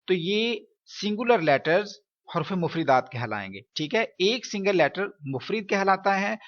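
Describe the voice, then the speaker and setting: A man's voice: on the high side, a bit bright. Man, instructional lesson, step-by-step explaining, frequent check-ins, rhetorical questions, muffled lo-fi sound. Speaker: Quran reading teacher.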